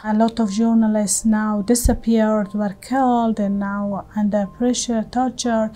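A woman in her forties with an Afghan accent, speaking as an activist in an interview, earnest and halting with frequent fillers. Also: medium pitch, flat delivery, mellow, poor audio. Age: 40s. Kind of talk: interview testimony. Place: bright indoor room with plants.

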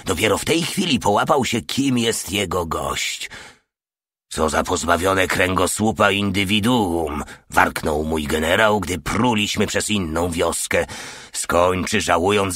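A man's voice: low-pitched, fairly bright tone, husky, no room sound. A man narrating a first-person war audiobook with a dry, wry delivery.

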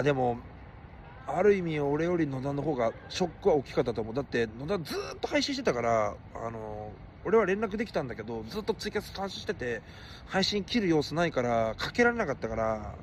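A man's voice: medium pitch, background noise. A man talking casually on his own livestream, rambling and mixing polite speech with blunt remarks.

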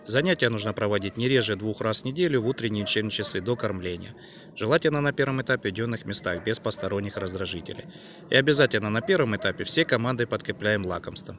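A man's voice: fairly low pitch, a bit bright. A young man giving instructional dog-training explanations in set phrases, recorded outdoors by a camera a few metres away. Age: young adult. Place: outdoors on a dirt clearing among trees. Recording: noisy outdoor camera sound.

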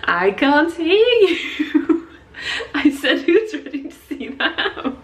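A young woman from northern England chatting casually to camera in a self-mocking way, her voice echoing like in a cave in an empty house. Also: a little high. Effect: cave-like echo of an empty house. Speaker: vlogger. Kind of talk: casual vlog chat. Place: empty house, bare rooms indoors. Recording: echoey empty room, faint noise.

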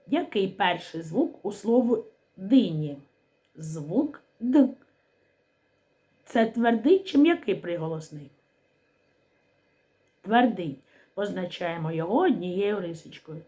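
Slow, mellow-voiced woman teaching children. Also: medium pitch, expressive. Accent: Ukrainian. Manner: slow, clearly articulated, question-and-answer with pauses. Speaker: primary school teacher. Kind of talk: slow literacy lesson for young children.

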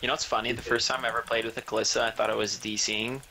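A young man talking casually over voice chat during a team game, excitable and profane, with a lot of rambling. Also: on the low side, very fast, gravelly, a little hiss or hum, low-quality recording. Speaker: gamer on voice chat.

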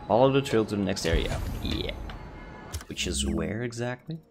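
Low, lively man joking over gameplay. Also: moderate pace. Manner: joking self-talk, chatting to viewers. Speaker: livestreamer. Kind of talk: casual gameplay commentary. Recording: voice over loud game music. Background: game music.

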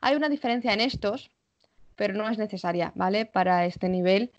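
A woman with a Spanish accent teaching an English exam-prep class online, checking in often with her students and slowing down to model English examples. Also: medium pitch, lo-fi sound. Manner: switches between Spanish and English, frequent "vale?" check-ins.

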